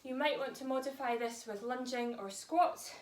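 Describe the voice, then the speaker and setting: A woman's voice: high-pitched, moderate pace, a little hiss or hum. A woman pilates instructor guiding a workout, encouraging and counting reps while she exercises along, audibly out of breath. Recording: echoey room, voice from a distance.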